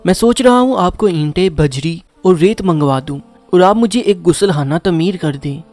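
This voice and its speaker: A man's voice: sits high, lively intonation, moderate pace, darkish tone, no room sound. A man voicing a playful, kind young husband who teases his new wife. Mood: teasing. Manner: teasing, joking.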